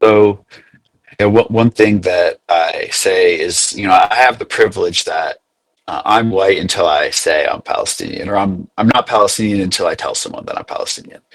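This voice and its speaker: A young man from the United States speaks in a low, slightly husky voice. He talks earnestly, restarting and refining his points as he reasons them through. The sound is dry, with no room around it. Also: normal speed, a bit bright, dry recording, low-quality recording. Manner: earnest, thinking aloud with frequent self-corrections. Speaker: guest, graduate student activist. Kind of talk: casual interview talk.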